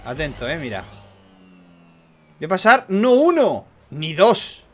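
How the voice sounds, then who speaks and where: A young man, streaming a game in casual banter, loud and excitable, yelling and laughing at the action. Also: fairly high pitch, slow. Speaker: gaming streamer.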